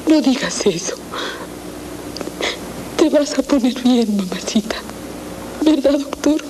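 A woman's voice: high voice, expressive, slow pace, noisy background. A young woman playing an anguished, devoted daughter, tearfully pleading in film melodrama. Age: young adult. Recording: old film soundtrack with music.

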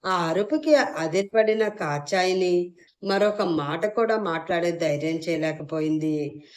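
A woman narrating a dramatic audio story in an expressive, emotive way. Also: lowish voice.

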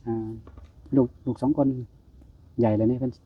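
A man's voice: mid-range voice, flat delivery, normal speed, slightly rough, dry recording. A man, a Buddhist monk, guiding a meditation session, coaxing and affirming with short repeated phrases. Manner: coaxing, repetitive, urges and affirms. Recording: dull lo-fi recording.

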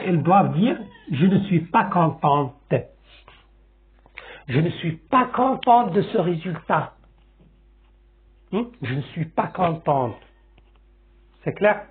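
A man's voice: high voice, expressive. Moroccan guy giving a french lesson, repeats stuff, keeps asking c'est bon, sounds like a phone line. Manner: slow, repetitive classroom explaining with checks like "c'est bon?". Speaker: French teacher. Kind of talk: language lesson.

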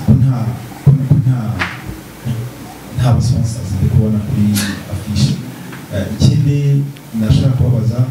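A man from Rwanda asking questions as a journalist at a press conference, hesitant with many fillers. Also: mid-range voice. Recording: distant mic, echoey, loud noise.

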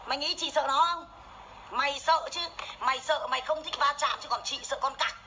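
A woman's voice: sits high, brisk, bright, forceful tone, a little hiss or hum, rough recording. A woman, ranting furiously and swearing nonstop during a makeup livestream on her phone. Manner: foul-mouthed, furious, scolding. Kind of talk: angry livestream rant. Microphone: phone camera during makeup livestream.

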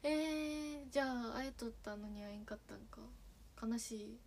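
A woman's voice: fairly high pitch, moderate pace, darkish tone, slight background noise. Giggly young woman with a Kagawa accent. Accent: Sanuki dialect (Kagawa). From Kagawa, Japan. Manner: giggly, playful, teasing. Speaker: idol streaming and chatting with fans. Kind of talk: casual livestream chat reading fan messages.

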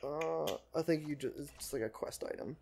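A man's voice: fairly high pitch, moderate pace, gravelly, darkish tone. A man co-hosting a let's play in casual commentary, laid-back as he guides the play. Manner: laid-back, gives game directions.

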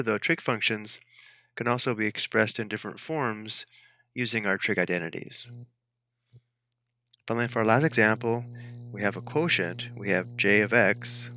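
A man narrating a math tutorial as an instructor, dictating each entry step by step in a measured way. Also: lowish voice, pushed and bright, no room sound, lo-fi sound.

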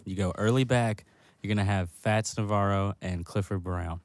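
A man with a fairly low voice speaks up assertively in a casual podcast chat. He hands out firm, slangy opinions. The recording is dry, with no room sound. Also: steady tone, normal speed, no room sound. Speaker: podcast guest.

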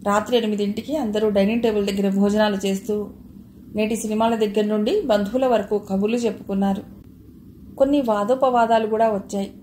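Woman narrating an audio novel calmly. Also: medium pitch, brisk, slight background noise.

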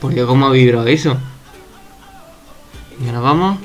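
A young man giving casual, excitable commentary over his own gameplay at home, swearing and shouting at opponents. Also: mid-range voice, normal speed, soft background music. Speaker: gaming youtuber.

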